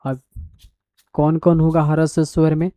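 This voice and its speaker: A male teacher giving a school grammar lesson, dictating definitions slowly word by word as he writes them down and asking the class questions along the way. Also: fairly high pitch, completely flat delivery, warm tone, no echo, studio quality. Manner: repeats definitions and quizzes the class.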